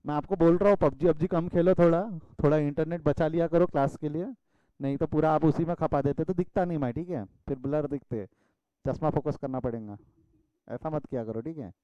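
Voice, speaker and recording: A man from India teaches a commerce class online, his voice pitched high for a man yet mellow and smooth. The sound is close and dry, with no room in it. He mixes into his teaching and teases his students in a fatherly way. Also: brisk, no room sound, muffled recording. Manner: addresses students as beta, scolds playfully. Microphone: video call.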